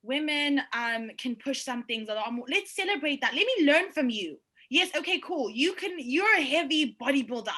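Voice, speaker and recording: A young woman co-hosting a podcast over a video call, talking in an animated, emphatic way and laughing easily. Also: high voice, moderate pace, few pauses, rough recording. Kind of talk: casual panel chat.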